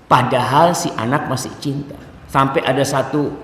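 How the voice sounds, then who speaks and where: Animated male preacher in echoey mosque. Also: normal speed. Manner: animated storytelling, swinging from loud high exclamations to hushed low narration. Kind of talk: sermon. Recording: echoey mosque hall with long reverb.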